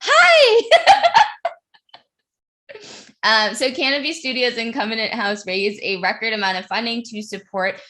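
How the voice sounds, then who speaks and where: A woman co-hosting a casual community livestream, chatty and quick to laugh, speaking into a computer mic. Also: fairly high pitch, fairly even intonation, sharp tone. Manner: laughs often, bubbly.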